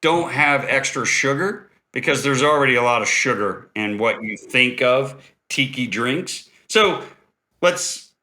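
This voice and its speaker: A man hosting a cocktail podcast, explaining drink history in a relaxed, rambling way. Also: mid-range voice, unhurried. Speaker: cocktail podcast host and bartender. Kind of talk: casual podcast chat.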